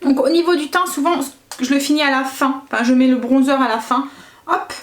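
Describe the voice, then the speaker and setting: A woman with a somewhat high voice talks casually to her viewers as she does her makeup. She narrates every small step aloud and peppers it with quick little exclamations. She often stops and restarts her sentences. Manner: chatty, narrates each step with little interjections; self-correcting, trails off and restarts often. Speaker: family vlogger and mother. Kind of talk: casual makeup tutorial chat.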